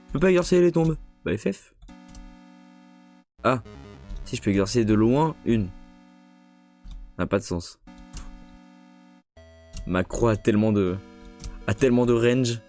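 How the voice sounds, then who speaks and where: A man's voice: lowish voice, a little mellow. Chatty young man streaming a horror game. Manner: chatty, jokey, reacts to scares. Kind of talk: casual live gameplay commentary.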